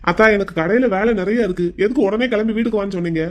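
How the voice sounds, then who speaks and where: Young cartoon husband, fast-talking and blunt, a woman plays him. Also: medium pitch, close to an everyday voice. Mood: impatient. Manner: quick, blunt, teasing. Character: brusque young husband, a shopkeeper. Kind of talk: cartoon voice acting.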